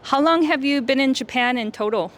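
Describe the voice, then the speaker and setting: A woman's voice: high voice, brisk. Woman asking short interview questions. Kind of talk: casual street interview questions.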